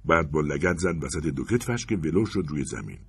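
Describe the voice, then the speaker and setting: Audiobook narrator: man, low and husky, animated storytelling delivery. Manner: expressive storytelling.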